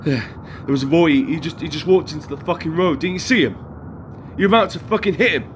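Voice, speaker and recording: Man acting reluctant debt collector, low-pitched, weary, terse, naturalistic crime drama, noisy recording. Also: animated, moderate pace, lightly acted. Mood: alarmed. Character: weary, conflicted male debt-collecting enforcer, reluctantly tough. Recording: noisy ambience with vehicle rumble.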